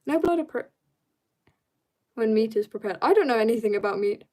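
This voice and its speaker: Her voice a little high, with lively intonation and a brisk pace, a woman chats through a laid-back drawing livestream. She reads comments, answers them, slips into quiet self-talk while working, and notes that she's tired.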